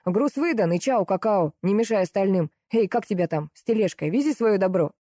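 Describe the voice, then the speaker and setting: A man's voice: high-pitched, expressive, a little fast, mellow, no room sound, studio quality. A woman voicing a stern young male customs officer who talks curtly and officiously in an audiobook. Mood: exasperated. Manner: curt, officious, then rude.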